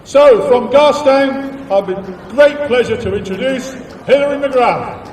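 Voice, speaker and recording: A man's voice: very high voice, a little slow. A man acting as master of ceremonies, announcing contestants to an audience at a live event. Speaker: competition host, master of ceremonies. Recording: echoey, noisy hall, far from mic.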